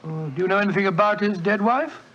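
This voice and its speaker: An actor playing a genial, slightly muddled older English doctor and loyal companion in 1940s radio style. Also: male voice, high voice, fast, fairly bright tone, lo-fi sound. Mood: curious, chummy. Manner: bluff, chummy, slightly muddled. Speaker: supporting actor in radio detective drama.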